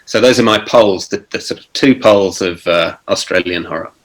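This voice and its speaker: A man speaking on an online panel over a video call, thoughtful and halting, with many pauses and restarts. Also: deep voice.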